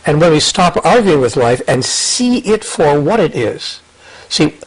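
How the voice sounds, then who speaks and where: An older man speaks earnestly as an interview guest, his voice husky and a touch higher than most men's. He circles back over his words, restarting phrases as he thinks aloud, and slips into quoted voices to make a point. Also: unhurried, rough recording. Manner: earnest, repeats words and restarts, quotes others in lively asides. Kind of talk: reflective conversational storytelling.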